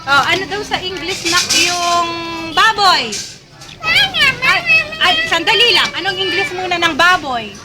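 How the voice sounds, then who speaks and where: A woman filming her toddler at home-video style, coaxing and playfully prompting the child over and over. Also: very high voice. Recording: loud street noise and crowd chatter.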